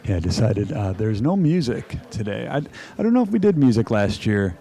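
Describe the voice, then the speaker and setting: Man, low gravelly voice, mellow tone, laid-back chatty host, faint noise. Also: moderate pace. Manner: relaxed, chatty, rambling with fillers. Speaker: host and venue owner. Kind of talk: casual live-stream commentary.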